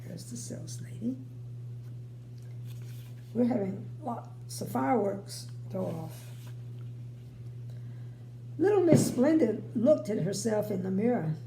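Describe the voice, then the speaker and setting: An older woman reads a bedtime story in a slow, mellow voice. She adds folksy, chatty asides as she goes. The room sounds echoey, with a faint hum. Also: medium pitch, sing-song, vocal fry. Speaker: grandmother reading bedtime stories. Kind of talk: read-aloud storytelling with casual chatty asides. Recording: roomy home recording, faint hum.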